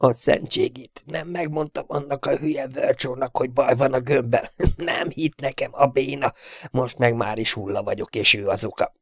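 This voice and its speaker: A man's voice: mid-range voice, vocal fry, a bit bright, breathy edge, no room sound, studio quality, pitched above the performer's own voice. A man voicing a brash young male gunner who is trapped and screaming for help, then cursing bitterly.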